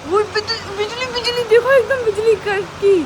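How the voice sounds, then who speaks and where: A woman's voice: extremely high pitch, steady tone, normal speed. A woman who runs an animal shelter, chatting casually to her viewers and speaking with care so she doesn't trip over her words. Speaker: animal rescuer running a shelter. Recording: noisy phone recording with rain behind.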